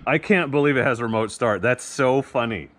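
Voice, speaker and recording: A man's voice: mid-range voice, normal speed, noisy background. A man hosting a motorcycle vlog, chatting casually to camera in a playful, self-deprecating way.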